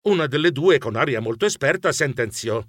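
A man's voice: medium pitch, animated, a little fast, fairly bright tone, dry recording, clean studio sound. A man narrating a children's audiobook in the first person, theatrical and comic with frequent exclamations.

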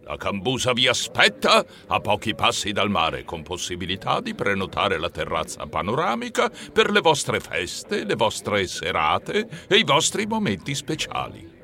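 A slow, gravelly rat pirate innkeeper, roaring threats at his guests. The voice is harsh and sharp-edged, dragging out every menacing word like an audiobook villain. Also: on the low side, huge pitch swings, voice pushed down, full character voice. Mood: salesy. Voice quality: gravelly, growling. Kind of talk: audiobook character voice.

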